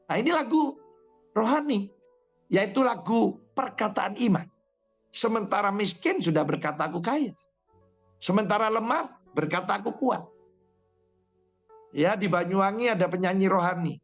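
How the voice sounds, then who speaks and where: A man's voice: sits high, lively intonation, moderate pace, pauses often, soft background music. A male pastor preaching a sermon, telling stories and speaking directly to his congregation. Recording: dull lo-fi sermon recording.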